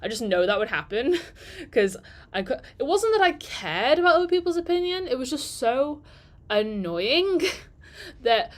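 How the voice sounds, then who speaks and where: Her voice is high-pitched and very animated, though her pace is a little slow. A woman in her twenties who vlogs about digital marketing, she rambles through casual stories on a live work stream, laughing between thoughts.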